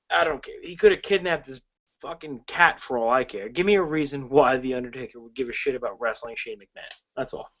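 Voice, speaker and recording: A man's voice: medium pitch, fairly bright tone. Rambling, cursing man on a dull podcast. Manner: rambling, restarts, swears. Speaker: podcast co-host. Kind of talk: casual podcast chat.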